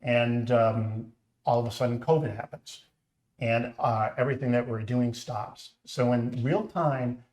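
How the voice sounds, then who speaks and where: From his home kitchen, a middle-aged founder of a company with a Boston accent hosts a casual live stream, telling his story in a chatty, earnest way. His mid-range voice is steady and darkish and moves at a measured pace, and the room is echoey.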